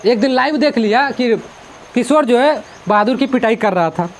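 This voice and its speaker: Very high-voiced male teacher. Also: expressive, normal speed, slight background noise. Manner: chatty, repetitive, mixes in English words. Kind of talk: explaining a school literature chapter.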